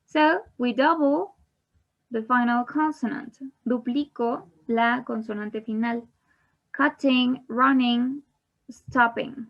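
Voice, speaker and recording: In this bilingual online lesson, a woman with a fairly high, slow voice goes through English grammar rules, repeating each explanation in Spanish. The computer-mic sound is dull and lo-fi.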